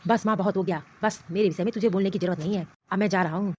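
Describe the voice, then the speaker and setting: A woman voicing a harsh, stubborn young husband in an animated cartoon, speaking in an angry, threatening, domineering way. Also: mid-range voice, quick pace, slight background noise, pitched below the performer's own voice, close to an everyday voice. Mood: furious. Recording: slightly muffled lo-fi recording.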